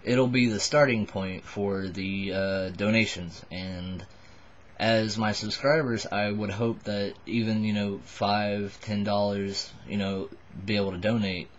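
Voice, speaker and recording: Tipsy, low-voiced young man rambling. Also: steady tone. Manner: tipsy, buzzed, halting and rambling. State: a little drunk. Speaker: vlogger addressing subscribers. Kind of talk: rambling casual confessional to camera. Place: small wood-panelled bedroom indoors. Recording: dull lo-fi webcam audio.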